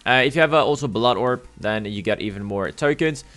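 A young man giving excitable, slangy gameplay commentary while gambling in a game, swearing and swinging between hype and groans. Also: mid-range voice, brisk, soft background music. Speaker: gaming YouTuber.

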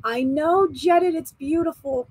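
A woman's voice: sits high, takes it slowly, a little mellow, low-quality recording. A woman in her forties hosting a live online auction, chatting casually, laughing often and greeting viewers by name as she shows items for sale. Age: 40s. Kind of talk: casual live-stream selling chat.

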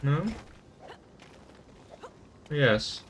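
Guy chilling thru a game level, slow and laid back, talking to himself. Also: medium pitch, fairly bright tone, a little hiss or hum. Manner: thinking aloud, easygoing. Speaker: gaming YouTuber. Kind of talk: casual gameplay commentary.

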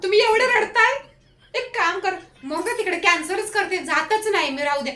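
A woman's voice: extremely high pitch, normal speed, sharp tone, reverberant. A woman playing a suspicious, stubborn wife in a comic skit. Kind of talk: comic sketch acting.

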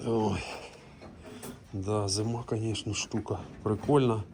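A man's voice: on the low side, flat delivery, takes it slowly, darkish tone, slight background noise. A male farmer with a Ukrainian accent, chatting casually while walking through his cold cattle barn and cooing fondly to his cows. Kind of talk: casual farm vlog.

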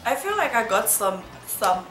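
A woman's voice: fairly high pitch, big pitch swings, normal speed. Chatty giggly woman vlogging. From Nigeria. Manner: chatty, giggly, self-teasing. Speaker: beauty vlogger. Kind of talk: makeup tutorial vlog. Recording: roomy echo, faint music.

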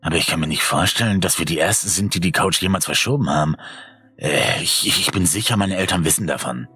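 A man's voice: low-pitched, fast, bright, forceful tone, husky, no room sound, heavily acted. A man voicing a nervous teenage boy who hesitates and stammers. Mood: anxious. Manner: hesitant, stammering, many fillers.

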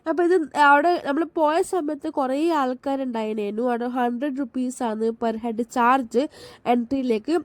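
Chatty high-voiced Malayali woman vlogger. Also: moderate pace, no room sound. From Kerala. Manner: chatty and enthusiastic, with frequent restarts. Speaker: family vlogger. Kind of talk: casual voice-over narration.

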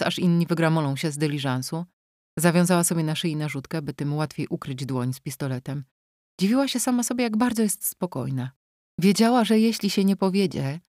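A woman reads a novel aloud with a low, steady voice and a measured storytelling pace. The sound is close-miked and dry, with no room echo. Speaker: audiobook narrator. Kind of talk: scripted narration.

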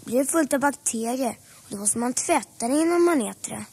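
An actor voicing an earnest young jungle boy in a dubbed audio drama, explaining things in a breathy voice. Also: extremely high pitch, expressive, darkish tone, heavily acted.

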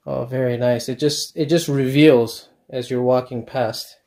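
Handheld camera in hand, a middle-aged vlogger shows off his basement home theater, a dark indoor room, chatting casually and eagerly with plenty of fillers and false starts. He speaks a little slowly in a mid-range, dark-toned voice that stays steady.

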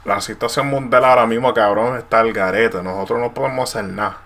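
A man's voice: mid-range voice, steady tone, racing, a bit bright. A man in his twenties with a Puerto Rican accent, casually demonstrating slang phrases at home. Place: small room at home, indoors. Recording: noisy room recording.

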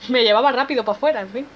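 Chatty young Spanish woman, high voice. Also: quick pace, highs cut off, noisy background. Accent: Spain Spanish. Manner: chatty, joking, swears casually. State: slightly hoarse from voice strain. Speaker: gamer. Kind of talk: let's play commentary. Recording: voice over game music.

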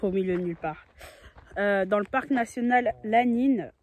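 A young woman vlogs about her travels outdoors in nature, speaking casually and playfully into a phone held at arm's length. Her pitch is medium and her pace normal, the tone a little mellow, and the highs are cut off.

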